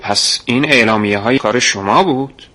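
A man's voice: medium pitch, sharp tone, lightly acted. A man voicing a startled young man who keeps asking surprised, eager questions.

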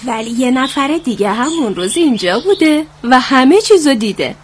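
A woman doing a kind wise storybook hoopoe. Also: on the high side. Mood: kindly. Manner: calm, kindly. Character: kind gentle hoopoe bird, wise friend.

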